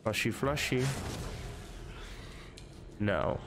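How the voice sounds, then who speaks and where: A man's voice: lowish voice, expressive, very slow, background noise. A man streaming a horror game, chatting and joking, with jumpy reactions to scares. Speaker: gaming streamer. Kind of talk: let's play commentary.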